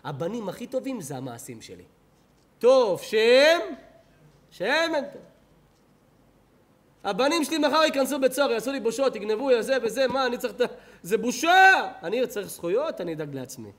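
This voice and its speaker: A man, a rabbi with an Israeli Hebrew accent, preaching a sermon in a synagogue hall, swinging between loud outbursts and low murmurs. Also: sing-song.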